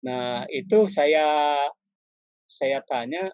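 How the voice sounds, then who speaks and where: A man's voice: fairly high pitch, animated, extremely slow, darkish tone, dry recording. A middle-aged man, a painter and art lecturer, telling stories from his life in a casual interview, laughing often and calling his listener "Pak" every few words. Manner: addresses the listener as "Pak" constantly, with frequent apologies.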